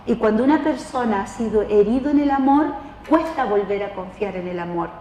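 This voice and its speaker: A woman's voice: fairly quick, slight background noise. A woman preaching at a spiritual seminar. She talks straight to the listener and acts out the people she quotes. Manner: expressive, acts out quoted voices with rising pitch; addresses listener directly as tú. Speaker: lay preacher teaching a seminar. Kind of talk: spoken sermon teaching. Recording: roomy hall with long reverb.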